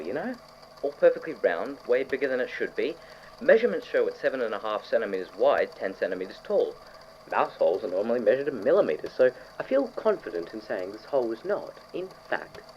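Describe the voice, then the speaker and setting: On a muffled, noisy, degraded old cassette, a man with a mid-range voice plays an eager, obsessive scientist in an audio drama found-tape monologue. He records precise, fussy investigation notes, excitable and trailing off into pauses.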